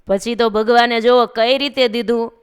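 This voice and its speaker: Clear-voiced woman telling a devotional story. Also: a little high, normal speed. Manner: lively, addresses listeners directly.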